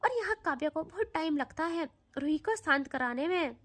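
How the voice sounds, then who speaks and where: A woman's voice: high-pitched, animated, normal speed, fairly bright tone. A woman narrating a casual audio love story, chatty, with asides to the listener.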